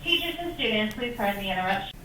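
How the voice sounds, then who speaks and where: A woman making a brisk, formal announcement over a school intercom loudspeaker. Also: mid-range voice, lively intonation, reverberant, a little hiss or hum. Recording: distant loudspeaker in a room.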